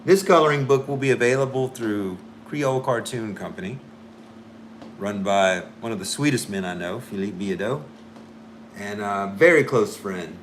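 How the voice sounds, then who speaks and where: Low-voiced man rambling casually over background noise. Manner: rambling, thinking aloud, mild swearing; drops in phrases of halting amateur French. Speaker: artist streaming a drawing session. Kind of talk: casual livestream chat while drawing.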